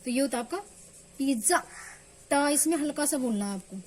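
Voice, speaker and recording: A woman's voice: high-pitched, very fast, a little mellow, slight background noise. A woman teaching English pronunciation in Hindi with an Indian accent, patiently checking that her students follow. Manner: patient, keeps asking "clear?" to check understanding. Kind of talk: online spoken-English lesson.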